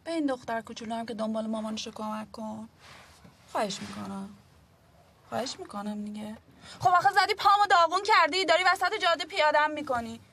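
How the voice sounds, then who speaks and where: A brash, sharp-tongued woman. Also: high voice, lively intonation, a little hiss or hum. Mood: pleading, nagging. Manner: bickering, complaining, cheeky. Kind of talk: film drama acting.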